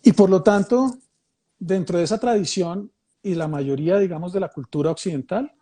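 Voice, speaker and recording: A man's voice: high voice, moderate pace, mellow, breathy edge. A man, born in Mexico and raised in Colombia, thoughtfully explaining ideas in a conversation, often rephrasing and repeating phrases. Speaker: speaker leading a reflective conversation.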